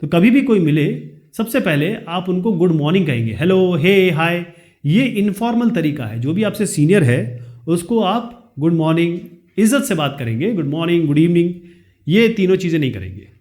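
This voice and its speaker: Male teacher, high and animated, reads quiz questions slowly, then explains them briskly. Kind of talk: explaining quiz answers in a lesson.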